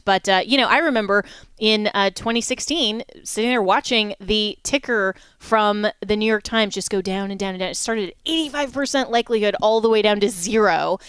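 A woman's voice: mid-range voice, clean tone, no room sound. A woman hosting a call-in talk radio show, chatting with callers and giving her opinions in a conversational way.

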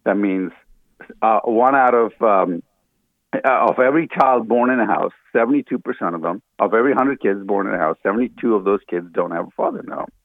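This radio interview guest, a man born in Ghana who grew up in Africa, has a lowish, gravelly voice and a brisk delivery. He explains his position earnestly with plenty of fillers and restarts, heard on a dry, tinny phone line without echo.

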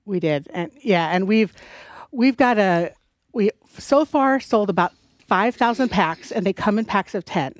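A woman's voice: mid-range voice, animated, a little slow, no room sound, studio quality. A woman from North Dakota with a slight, mixed North Dakota accent, speaking conversationally as a radio interview guest. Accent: North Dakota, mixed with other areas. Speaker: radio show guest, resource center director.

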